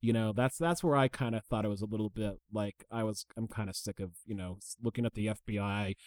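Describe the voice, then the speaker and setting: A man's voice: lowish voice, fast, a little mellow, dry recording, studio quality. A man hosting a casual movie review chat, asking eager questions and repeating words as he restarts.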